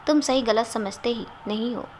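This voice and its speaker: A woman voicing an outspoken, caring young woman in a read-aloud story, with a scolding, sharp-tongued manner. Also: on the high side, normal speed, a little hiss or hum, close to an everyday voice.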